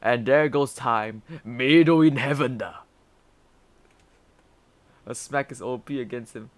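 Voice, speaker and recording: A man's voice: mid-range voice, slow, no room sound. A young man, rambling and laughing through casual gaming commentary as a streamer, with lots of stammered restarts.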